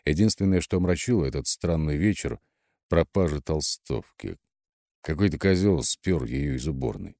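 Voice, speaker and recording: Deep, expressive male narrator. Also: normal speed, creaky, no echo, studio quality. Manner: expressive storytelling. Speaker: audiobook narrator. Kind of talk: first-person audiobook narration.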